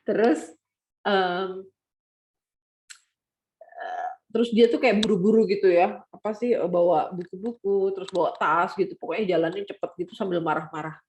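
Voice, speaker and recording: A woman mentoring students online, explaining with lively acted-out examples. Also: mid-range voice, normal speed, reverberant. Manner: animated, acts out scenes with quoted voices.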